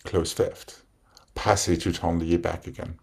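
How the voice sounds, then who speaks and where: A man's voice: deep voice, level tone, slow pace, vocal fry, slightly rough. A man teaching ballet, directing firmly and calling out combinations step by step in short rhythmic phrases. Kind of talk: dance instruction, calling out combinations.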